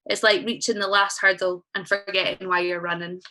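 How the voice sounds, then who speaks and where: A woman's voice: medium pitch, little pitch movement, fairly quick, bright, forceful tone, slight background noise, low-quality recording. A young Scottish woman performing spoken word poetry live, chatty and sweary as she tells stories between poems. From Scotland. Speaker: poet. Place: live stage event.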